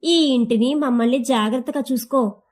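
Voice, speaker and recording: A woman's voice: a little high, normal speed, a little mellow, lightly acted. A woman voicing a gracious older mother-in-law who speaks affectionately and soothingly. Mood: tender.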